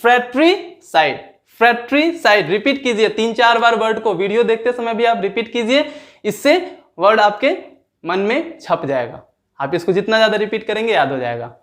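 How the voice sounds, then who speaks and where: A man teaching an exam vocabulary lesson, repeating each word slowly and drawing it out as he checks that his students understand. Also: high voice, animated, a bit bright. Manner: asks students questions and checks their understanding.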